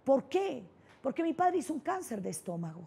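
A woman's voice: high-pitched, very animated, a little fast, gravelly, mellow. A middle-aged woman with a Colombian paisa accent, giving a motivational conference talk and telling personal stories in an emphatic, candid way. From Colombia (Antioquia). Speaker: neurolinguistic programming trainer, speaker.

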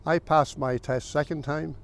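A man's voice: on the high side, steady tone, creaky. Older farmer telling his story. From south of Ireland, County Meath. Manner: plain, unhurried storytelling with filler pauses. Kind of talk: oral history recollection.

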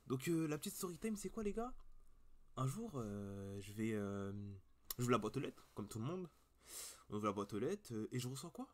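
A man's voice: medium pitch, sing-song, moderate pace, darkish tone. Slangy, rambling young man. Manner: slangy, rambling, swears casually. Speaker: reaction video host. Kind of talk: casual chat to viewers. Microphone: cheap webcam mic.

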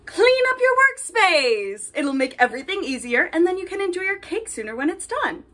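A woman's voice: extremely high pitch, very animated, moderate pace, a bit bright, pitched above the performer's own voice, full character voice. A woman voicing a bubbly, sweet young video game princess with a chirpy, sing-song delivery. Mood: chirpy instructing. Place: home kitchen, indoors. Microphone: camera a step or two away.

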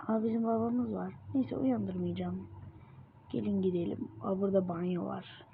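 A woman giving excitable gameplay commentary, full of exasperated outbursts at the game. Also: mid-range voice, moderate pace, gravelly. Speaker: gamer. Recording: tinny lo-fi mic with noise.

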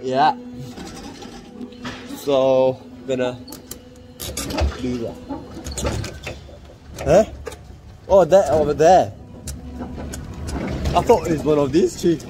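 Very slow with long pauses, a slightly high male voice belongs to a twenty-something warehouse supervisor who keeps muttering to his phone as he works. He rambles, talks to himself and swears under his breath across the warehouse and outdoor yard in this casual work vlog. The arm's-length handheld recording is noisy, with traffic audible.

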